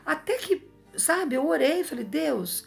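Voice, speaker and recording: A Brazilian woman with a Brazilian Portuguese accent speaks from a hospital in an earnest, lecturing monologue. Her fairly high voice has a gravelly fry, and she keeps tossing in rhetorical asides to her viewers. Soft music plays faintly underneath. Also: big pitch swings, a little slow. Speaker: advice vlogger. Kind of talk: emphatic personal monologue.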